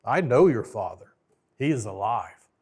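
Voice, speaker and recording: A man voicing a wise old male mandrill mentor, speaking in a calm, knowing way. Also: medium pitch, takes it slowly.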